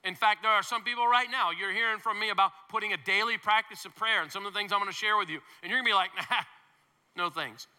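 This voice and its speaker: A man's voice: high-pitched, steady tone, very fast, hardly any pauses, sharp tone, smooth. A male pastor preaching a sermon to his congregation, emphatic and conversational, with playful asides. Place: large church hall. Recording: long hall reverb.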